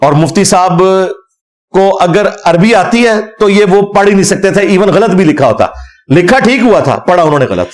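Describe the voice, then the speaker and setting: Animated man giving a scornful religious lecture. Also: high-pitched. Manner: animated, scornful, recites Arabic verses. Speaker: Islamic scholar.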